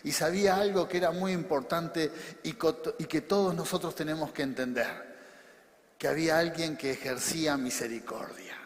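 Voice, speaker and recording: Rioplatense male pastor, sermon, high voice, shouts then softens, long hall reverb. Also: moderate pace. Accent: Rioplatense Spanish. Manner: preaching with bursts of shouting and soft drops.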